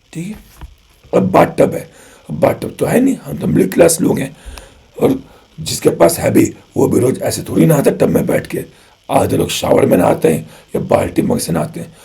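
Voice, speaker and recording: A man with an Indian accent teaching spoken English in a chatty, lively way. His voice is gravelly, husky and dark, and his pitch swings widely. He explains patiently, repeats examples and keeps checking in with the listener. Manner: chatty and lively, asks rhetorical questions.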